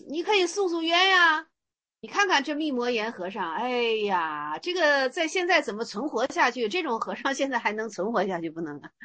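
A woman dharma teacher talks through Zen stories in a casual lecture. Her voice is high and bright, and she teases her listeners in a lively way. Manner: lively, teasing, acts out dialogue.

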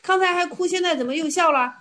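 A woman's voice: very high-pitched, quick pace, pushed and bright, voice pushed up. A woman voicing a curious fellow male monk who keeps pressing with puzzled questions.

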